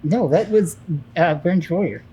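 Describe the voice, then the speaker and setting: A man's voice: high voice, animated, slow, warm tone, slightly rough. A man in casual banter as a co-host, making jokes with feigned seriousness.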